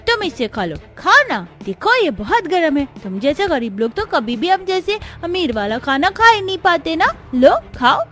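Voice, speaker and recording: A woman's voice: very high-pitched, sing-song, normal speed, hardly any pauses, fairly bright tone, soft background music, heavily acted. A woman voicing a spoiled, taunting six-year-old rich girl in a cartoon story. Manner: taunting, condescending. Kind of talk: cartoon voice acting.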